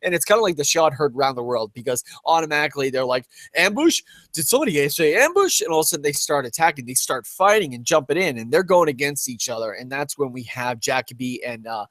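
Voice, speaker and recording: Man, casual recap co-host, animated delivery with sudden loud bursts, dry close sound. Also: medium pitch, fast, few pauses, no echo. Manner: animated, acts out scenes with sudden loud character bits.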